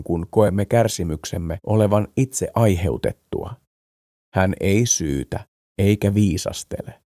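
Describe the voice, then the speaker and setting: A man reading the Bible aloud as a devotional podcast reader, in a calm, measured way with expressive phrasing. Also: deep voice, dry recording, studio quality.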